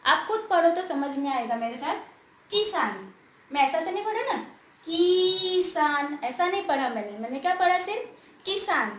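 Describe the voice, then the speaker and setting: A woman teaching a grammar lesson to children, asking questions and answering them herself, drawing words out slowly to show how they sound. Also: very high voice, reverberant.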